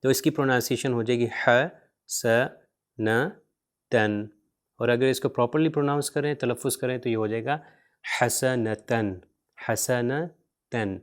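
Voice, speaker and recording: A man teaching beginners to read, spelling out letters and vowel marks slowly, repeating each word and mixing in English terms. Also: mid-range voice, clean tone. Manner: mixes English words into his teaching. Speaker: Quran reading teacher. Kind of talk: spoken lesson.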